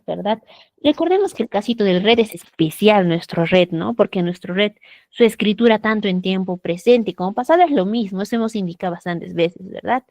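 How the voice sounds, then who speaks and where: Over a video call, a woman explains English grammar in Peruvian Spanish, her medium-pitched voice slightly mellow and free of echo. She is patient, regularly tacking on tag questions to make sure students follow, and she is picked up by a computer microphone.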